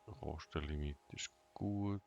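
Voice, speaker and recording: A man giving an unscripted game walkthrough in a flat, emotionless monotone, thinking aloud in short, hesitant fragments. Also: a bass voice, slow pace, creaky. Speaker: gaming tutorial host. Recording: dull lo-fi sound, music behind.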